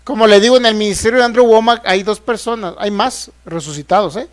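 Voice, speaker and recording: High-voiced man preaching. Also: fairly quick. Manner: preaches with rhetorical questions to the congregation; acts out quoted voices and prayers. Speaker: pastor teaching a healing course. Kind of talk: sermon.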